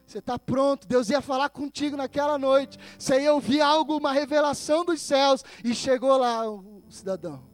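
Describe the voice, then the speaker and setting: A man pastor preaching a sermon with a Brazilian Portuguese accent, swinging between loud, emphatic passages and hushed asides. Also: very high-pitched, fairly quick, few pauses, soft background music.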